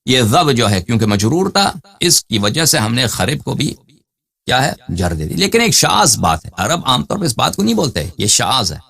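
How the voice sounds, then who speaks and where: A husky-voiced male scholar lectures with a lively, swooping pitch that climbs on his rhetorical questions. He answers each one himself and reads out citations from texts. His delivery is that of a teacher walking listeners through a dense argument. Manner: fires rhetorical questions, then answers them; cites texts and reads out page numbers. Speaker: religious scholar.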